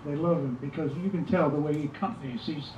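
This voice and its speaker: A man's voice: on the high side, fast talker, a little mellow, a little hiss or hum. Older man, distant echoey room. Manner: rambling, with fillers and restarts. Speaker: musician speaking at an event. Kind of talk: casual remarks to an audience. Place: music shop, indoors. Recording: echoey room from far off, dull lo-fi.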